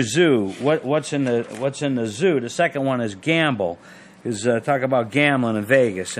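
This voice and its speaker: An older comedian explaining his craft in a relaxed, rambling way, full of fillers. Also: medium pitch. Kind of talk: casual explanation.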